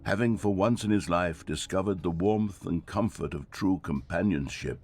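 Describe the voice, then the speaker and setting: A man's voice: deep voice, normal speed, a little mellow, faint music behind. An actor playing a wry, omniscient video game narrator, a man with a grandiose, articulate, dramatic delivery. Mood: solemn, melancholic. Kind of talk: scripted storybook-like game narration.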